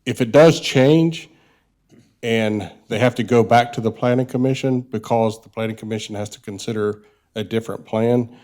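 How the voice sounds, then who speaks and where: A man on county staff explaining public hearing procedure to a council in a measured way. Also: medium pitch, darkish tone.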